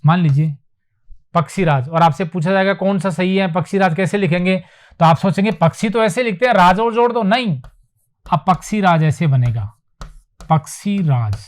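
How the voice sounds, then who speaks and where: A man with a fairly high voice gives a classroom lesson on spelling. He says each word again and again with slow emphasis, then asks a question and answers it himself. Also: animated. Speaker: Hindi teacher. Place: classroom with whiteboard.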